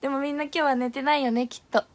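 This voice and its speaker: A playful young woman with a high voice giggles often as she talks to viewers on a live stream. Taking their comments one by one, she reads them aloud and responds in a laid-back, chatty manner.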